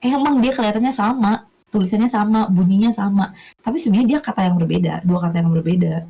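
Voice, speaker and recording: A woman's voice: medium pitch, quick pace, mellow, husky, rough recording. A young woman teaching a casual online lesson, chatty, stopping often to check that listeners follow and correcting herself as she goes. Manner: chatty, checks understanding with questions, self-corrects.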